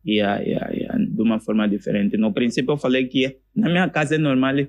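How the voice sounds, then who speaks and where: A young man with an Angolan Portuguese accent, a comedian chatting as a podcast guest, telling stories in an animated way and jumping into high voices to quote people. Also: a little fast. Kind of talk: casual podcast chat.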